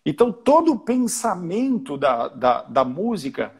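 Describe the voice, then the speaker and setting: A man's voice: a little high, big pitch swings, a little slow, a little mellow, husky. A man with a Brazilian Portuguese accent, a choir conductor talking on a live stream, explaining at length with many restarts and counting out beats. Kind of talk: casual chat on a live stream.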